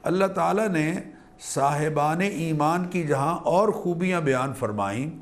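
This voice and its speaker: A man, a religious scholar on a TV program, explaining scripture in a measured, learned manner and weaving in Arabic quotations. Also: a little high.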